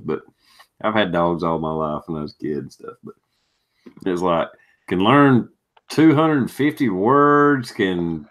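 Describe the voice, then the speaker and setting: A man with a somewhat low voice talks in a casual group voice chat. He tells his stories in a dry, matter-of-fact way. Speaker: chat participant.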